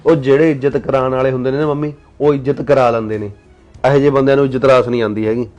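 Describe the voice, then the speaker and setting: A man's voice: mid-range voice, fairly even intonation, a little mellow, muffled recording, soft background music, natural voice. A young man playing a student who complains resentfully about his aunt. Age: young adult. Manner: resentful, quick-talking. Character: angry young male student.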